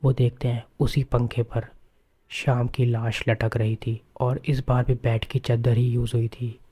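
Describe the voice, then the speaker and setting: Casual male horror narrator, level delivery, dark mellow tone. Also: mid-range voice, little pitch movement, unhurried, husky. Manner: casual, conversational, repeats filler words. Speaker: storyteller.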